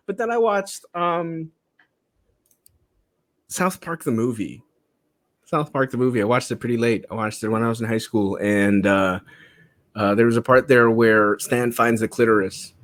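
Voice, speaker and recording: A man with a Filipino English accent co-hosting a casual comedy podcast and telling jokey stories. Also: mid-range voice. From Philippines. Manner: jokey storyteller, laughs often. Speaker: podcast co-host.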